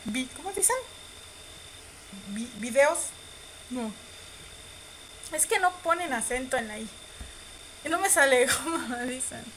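A woman's voice: high-pitched, expressive, slow pace, long pauses, fairly bright tone, slight background noise, poor audio. A woman reads a romance visual novel aloud and reacts with squeals and laughs. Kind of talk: reading game text aloud with live reactions.

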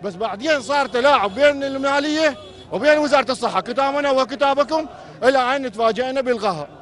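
A man's voice: extremely high pitch, fast, fairly bright tone. A man with an Iraqi accent speaking outdoors at a street protest, voicing an aggrieved complaint as a hospital administrative worker. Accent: Iraqi Arabic.

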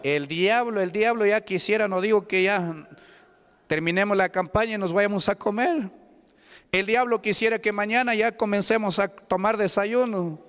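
A man's voice: high voice, moderate pace, a bit bright, clean tone. A man with a Peruvian Spanish accent preaching a Pentecostal sermon, often asking the congregation questions and drawing call-and-response. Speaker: pastor. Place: church hall. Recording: church hall reverb.

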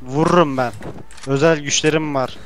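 A young man banters through a shooter game, teasing with mock innocence. His voice sits fairly high, and game gunfire is clearly heard behind him. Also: steady tone, normal speed, noisy background. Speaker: gaming friend. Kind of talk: casual banter while gaming.

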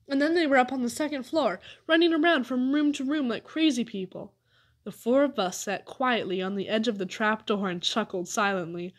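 Expressive woman reading a storybook. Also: high voice. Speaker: audiobook reader. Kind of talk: storybook narration.

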